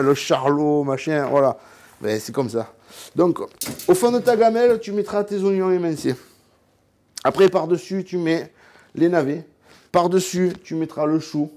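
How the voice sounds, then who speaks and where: A man's voice: medium pitch, a little mellow. A man from southern France with a southern French accent, chatting casually through a cooking vlog, rambling, joking and saying "voilà" constantly. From Cévennes, southern France. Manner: talks straight to the viewer, jokes and laughs at himself. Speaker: home cook and hunter.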